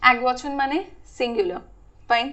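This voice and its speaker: Bengali-accented female English tutor, high-pitched, slow and repetitive explainer. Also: pushed and bright, lo-fi sound. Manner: explains slowly, repeats examples, checks in with the viewer. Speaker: English teacher. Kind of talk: grammar lesson.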